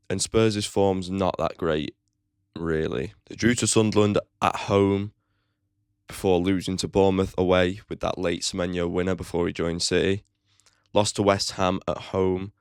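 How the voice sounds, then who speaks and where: A man with a deep voice and vocal fry hosts his own football fan channel, giving a blunt, opinionated match preview laced with casual swearing. He's chatty and leans on "like" constantly. The tone is clean, studio quality, with no room sound.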